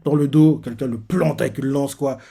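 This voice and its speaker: A man's voice: mid-range voice, steady tone, moderate pace, gravelly, mellow, slightly rough. A man giving a rambling, casual reaction commentary on a manga chapter. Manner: rambling, full of fillers and "en gros".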